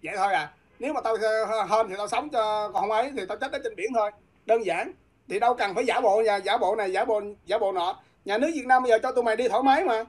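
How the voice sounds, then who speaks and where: A woman's voice: a little high, quick pace. A woman from Vietnam, a guest talking politics in a heated, combative way and repeatedly challenging her listeners.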